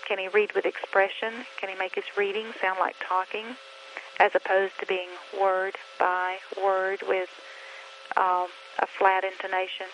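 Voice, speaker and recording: A middle-aged woman with a voice of ordinary pitch for a woman, explaining to parents in an earnest, measured way. She poses a string of questions and pauses now and then to think. A faint noise sits under her voice. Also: completely flat delivery, fairly bright tone, poor audio. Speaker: reading teacher trainer. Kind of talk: instructional talk to parents.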